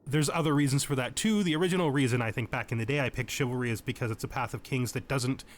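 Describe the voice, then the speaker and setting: A man hosting a gaming channel speaks quickly in a mid-range voice. He moves between reading game text aloud and giving informal explanations, in the manner of a tutorial.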